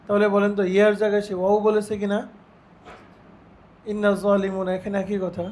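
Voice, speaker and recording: A man teaching a religious lesson, reciting Arabic phrases slowly and putting questions to his students. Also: high voice, monotone, a little mellow. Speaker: Islamic teacher.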